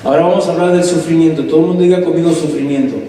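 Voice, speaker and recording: A man's voice: on the high side, fairly even intonation, racing, warm tone, a little hiss or hum. A pastor preaching a sermon in a church hall. He tells stories and calls on the congregation to respond. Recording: echoey hall, far from mic.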